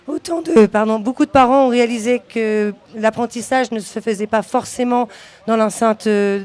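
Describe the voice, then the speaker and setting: Slightly mellow and fairly high, with a clean tone, the voice belongs to an outdoor school's founder interviewed on radio at an outdoor event. She switches between English and French, speaking fluently yet full of fillers and restarts.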